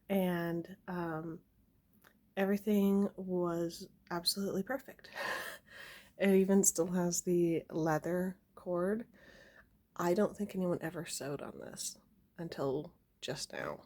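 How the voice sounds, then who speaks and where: On the low side, warm and steady, her voice moves at a slow pace. A young homesteading vlogger, she chats casually indoors at home while showing an item to her camera, giggling, laughing a little and using plenty of fillers.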